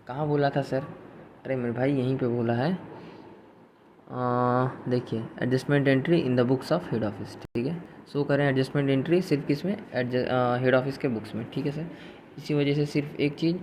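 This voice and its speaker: A man giving a recorded accounting lecture at a medium pitch. He talks in a loose, chatty way, drops English terms into his sentences and answers his students' doubts before they ask. A faint hum sits under his voice. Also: a little mellow. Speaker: accounting teacher.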